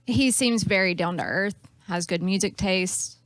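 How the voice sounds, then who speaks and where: A woman sitting in on a podcast, talking in a nervous, excited way as a fan. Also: medium pitch, measured pace, no echo. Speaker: studio guest, fan. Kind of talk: casual chat.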